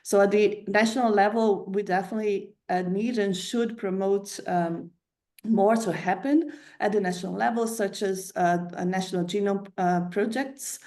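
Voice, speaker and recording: A woman from Brazil giving a prepared talk to colleagues, measured and hesitant, with frequent fillers and self-corrections. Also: medium pitch, fairly even intonation, darkish tone. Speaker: candidate presenting a funding plan.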